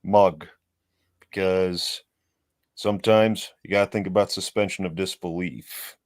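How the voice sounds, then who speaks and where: A male co-host with a low voice offers dry, measured comments. He speaks in a relaxed, deadpan way during casual podcast talk.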